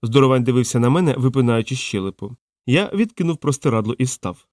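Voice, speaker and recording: A man reading an audiobook aloud in a wry, lively storytelling manner, close to the mic. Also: medium pitch, quick pace, no echo. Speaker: audiobook narrator.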